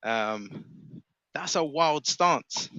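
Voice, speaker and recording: A man asks questions in a casual debate and talks in a measured way. His voice is dry and slightly muffled. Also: on the high side, expressive, bright, forceful tone, clear, resonant tone, no echo.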